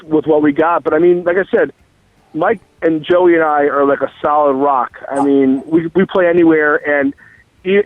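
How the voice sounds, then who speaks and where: A man's voice: fairly high pitch, no room sound. Man on a tinny car speakerphone. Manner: rambling, loose and profane, full of fillers. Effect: car speakerphone call. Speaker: musician guest calling in. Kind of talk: casual phone interview. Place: in a moving car. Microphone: phone on speaker. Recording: tinny dry phone line.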